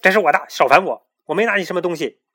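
一个男人给一只脾气暴躁、守着秘密的胖小公鸡配音，说话尖声喊叫、带哭腔。. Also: male voice, high-pitched, expressive, a little fast, dry recording, clean studio sound, voice pushed up. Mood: frightened, snappy. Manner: whiny, shouting, sometimes wailing. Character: chubby young male chick, grumpy and secretive.

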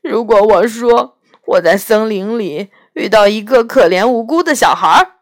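A woman voicing a gentle, guilt-ridden male faun who talks through sobs in a storybook reading. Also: medium pitch, expressive, normal speed, close to an everyday voice. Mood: pleading. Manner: sobbing, choked and pleading.

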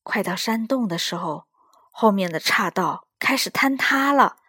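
A woman reading a children's story aloud in a slow, gentle storyteller manner. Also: medium pitch, expressive, slightly rough, no echo, studio quality.

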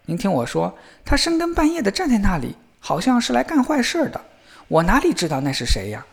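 A man voicing a naive, fearless young man who talks loudly and eagerly. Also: high voice, very animated, brisk, voice pushed up. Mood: protesting. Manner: loud, shouting and eager.

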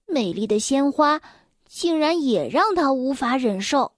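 Slow, high-voiced woman storyteller. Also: dry recording, studio quality. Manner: gentle, expressive, addresses children directly. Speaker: children's storyteller. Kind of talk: reading a children's story aloud.

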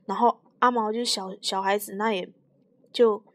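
A young woman co-hosting a podcast, telling a spooky story slowly and casually, often laughing. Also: mid-range voice, fairly even intonation, no room sound, clean studio sound. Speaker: podcast co-host.

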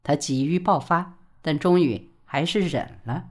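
A woman narrating a novel audiobook in an expressive, dramatic storytelling manner. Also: low voice, a little slow.

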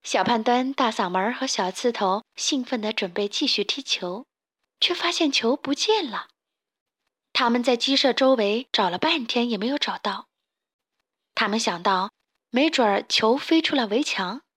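Expressive woman reading a storybook. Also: on the high side, normal speed. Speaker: narrator. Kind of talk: children's storybook narration.

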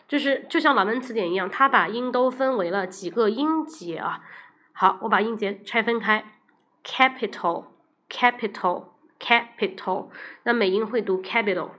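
A woman hosting a livestream English vocabulary lesson. She explains in Chinese, mixes in English phrases and repeats English words slowly, syllable by syllable. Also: mid-range voice, a bit bright.

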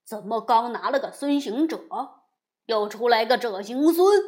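Smug older male demon king, played by a woman: loud, low-set, self-satisfied. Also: unhurried, close to an everyday voice.

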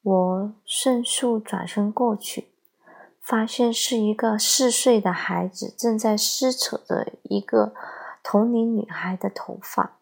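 A woman giving calm, measured scripted narration of a parenting essay. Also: mid-range voice, creaky, slightly rough. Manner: slow, measured, calm storytelling.

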